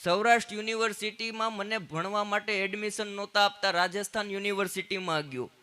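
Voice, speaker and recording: Male stand-up comic, high and very bright voice, punchy storytelling on stage. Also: fairly even intonation, clear, resonant tone. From Gujarat, India. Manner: punchline jokes with quick quoted exchanges. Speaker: stand-up comedian. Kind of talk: live Gujarati stand-up storytelling.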